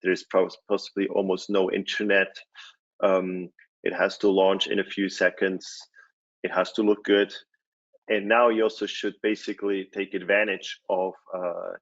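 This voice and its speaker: A Swiss company CEO delivers a relaxed presentation at a conference, pausing on filler words and restarting sentences. His very low voice stays flat, and the audio sounds dull and lo-fi, like a video call.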